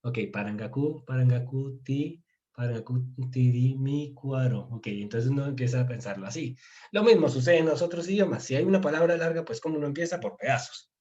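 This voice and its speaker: A man teaching a casual language lesson in a slightly high voice. He explains patiently, breaking long words into pieces. The recording sounds dull and lo-fi. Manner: explains slowly, spells out words syllable by syllable; relaxed, chuckles now and then.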